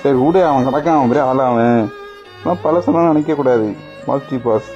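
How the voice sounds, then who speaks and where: A man's voice: medium pitch, fairly quick, lo-fi sound, over loud music. A man chatting casually with a friend, first teasing her, then apologizing and coaxing her. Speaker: prank vlogger. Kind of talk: casual prank chat.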